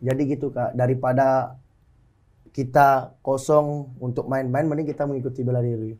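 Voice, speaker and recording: Answering an interviewer earnestly, a man in his twenties from Bali, who is a soldier and pencak silat athlete, regularly adds a polite "Kak" to his phrases. He speaks at a moderate pace in a mid-range, slightly mellow voice with little pitch movement.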